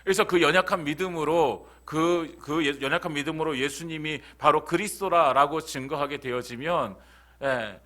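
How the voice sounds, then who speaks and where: A man preaching at a church service, his voice bright and forward. He keeps asking the congregation questions and then answers them, repeating key phrases for emphasis. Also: medium pitch. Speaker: pastor. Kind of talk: sermon.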